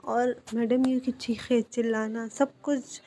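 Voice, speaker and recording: A woman retelling a drama's plot in a relaxed, conversational way. Her voice sits a little high, and she often restarts a sentence as she goes. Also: a little slow. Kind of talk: casual story retelling.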